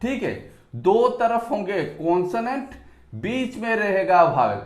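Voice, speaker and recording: A man with an Indian accent teaching an English grammar lesson at a whiteboard, saying words slowly and repeating them, switching between Hindi and English. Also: high voice, very animated. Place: room with a whiteboard. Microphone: phone on a tripod. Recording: echoey room.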